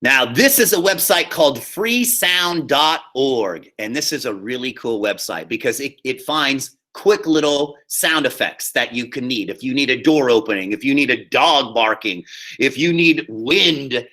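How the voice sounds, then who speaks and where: An American high school theater teacher gives a casual screen-share lesson over a video call, heard through a computer mic. His bright, medium-pitched voice has lively intonation and a slightly slow pace. He's chatty and keeps checking in with "okay" and "all right."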